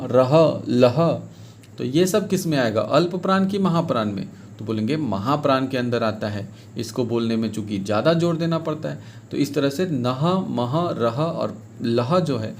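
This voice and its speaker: A man's voice: mid-range voice, gravelly, slight background noise. A man teaching an exam-prep grammar lesson, explaining step by step and repeating key points, now and then saying sample phrases in a local dialect.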